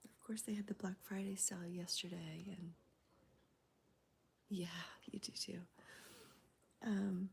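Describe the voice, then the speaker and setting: Whispering woman with a gravelly, cold-roughened voice. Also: medium pitch, flat delivery, slow pace, pauses often, slight background noise. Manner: soft whispering with fillers. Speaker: crochet livestreamer. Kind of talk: whispered ASMR livestream chat. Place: home, early morning.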